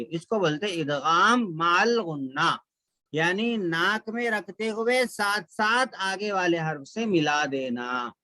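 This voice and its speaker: A man's voice: sits high, bright, forceful tone, dry recording, studio quality. A man teaching Quran recitation rules step by step, drawing out each example syllable by syllable and repeating it. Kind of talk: step-by-step tajweed lesson.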